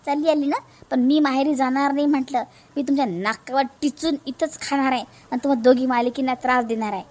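A woman doing a haughty cartoon daughter-in-law, Vidarbha accent, high voice, bossy and taunting. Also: darkish tone, close to an everyday voice. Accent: Vidarbha Marathi.

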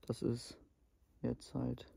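A man's voice: medium pitch, completely flat delivery, slow, vocal fry, dark tone, breathy edge, no room sound. A young man vlogging outdoors at night in the woods, exhausted and soaked, talking in a plain, tired way full of fillers into an action camera held close. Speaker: survival vlogger. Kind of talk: casual outdoor vlog commentary.

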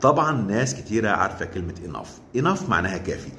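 A man with an Egyptian Arabic accent giving a casual English lesson, saying the English phrases very slowly and then adding quick joking asides. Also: fairly low pitch, big pitch swings, bright, forceful tone, slight background noise. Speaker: English teacher.

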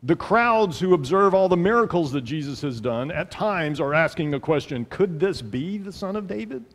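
A middle-aged pastor preaches a sermon at the pulpit of a large church sanctuary, his voice slightly high for a man and his delivery animated, earnest, and emphatic at a moderate pace. He repeats phrases to hammer his points home. A headset mic picks him up, and a long reverb trails off the hall.

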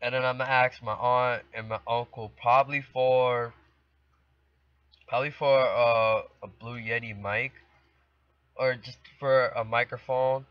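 A man's voice: medium pitch, fairly even intonation, a little slow, clean tone, dry recording. A teenage boy commentating a video game from his bedroom, playfully trash-talking the opponents. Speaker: gaming channel host. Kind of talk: let's play commentary. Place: bedroom at home. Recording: dull lo-fi dry home recording.

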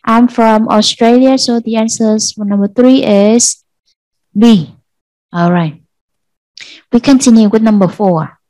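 A Vietnamese-accented woman teaching an English class to children, slow and patient, repeating answers for pupils. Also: fairly high pitch, dark tone, no room sound, rough recording. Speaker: primary school English teacher. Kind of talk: online class lesson.

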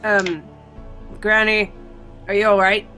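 A woman's voice: medium pitch, little pitch movement, takes it slowly, over music. A young woman talking casually as a player in a tabletop game. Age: young adult. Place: indoor room at home, on a group video call.

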